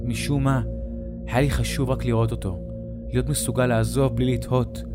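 A man's voice: mid-range voice, flat delivery. Male horror narrator over music. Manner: dramatic, slows down at frightening moments.

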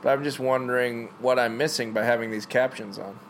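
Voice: medium pitch, fairly even intonation, brisk, slight background noise. A speaker watching a movie with a friend, joking dryly and offering trivia in a casual chat. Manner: wry, joking, trivia-sharing.

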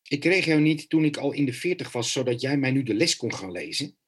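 A man's voice: medium pitch, expressive, a little fast, breathy edge. An actor playing an anxious, defensive male teacher and father near sixty who stammers. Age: about 60. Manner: hesitant, stammering.

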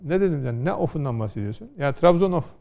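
A middle-aged man from Konya speaks as a law scholar on a panel. His voice sits a bit high but sounds dark and gravelly. He lectures and tells anecdotes, with rhetorical questions. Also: expressive, rapid-fire. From Turkey, Konya. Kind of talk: studio panel discussion.

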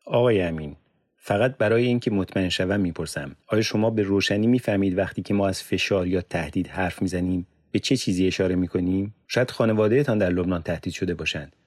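A man voicing a calm male investigator in an audiobook, asking measured, formal questions. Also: deep voice, no room sound, clean studio sound. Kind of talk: audiobook character reading.

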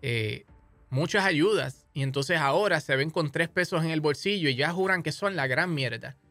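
A man's voice: fairly high pitch, normal speed, fairly bright tone, no room sound, soft background music. A man with a Puerto Rican accent hosting a podcast, delivering an impassioned, scolding political monologue. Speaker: podcast host.

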